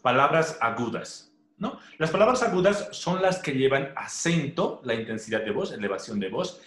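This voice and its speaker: A male teacher giving a primary school lesson, speaking slowly and deliberately, repeating words and checking in with short questions. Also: mid-range voice, a bit bright. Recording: echoey room.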